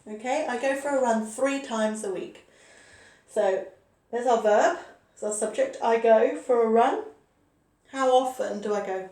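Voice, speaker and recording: A woman's voice: fairly high pitch, a little mellow. A woman in her forties teaching a recorded grammar lesson, patient and repeating key points with a frequent "okay". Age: 40s. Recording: echoey room, voice a bit far from the mic.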